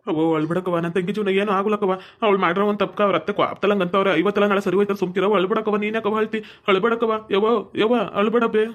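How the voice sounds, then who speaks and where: A man playing a calm young brother who pleads and soothes, with a North Karnataka accent. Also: high-pitched, rapid-fire, natural voice. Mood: soothing. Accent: North Karnataka Kannada.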